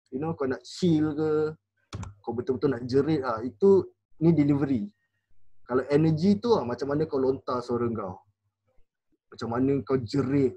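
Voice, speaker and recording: A man's voice: a little high, a little mellow, husky, no room sound. A man, a rapper, chatting casually on a live stream and explaining battle rap, acting out lines in different tones. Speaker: rapper giving battle tips.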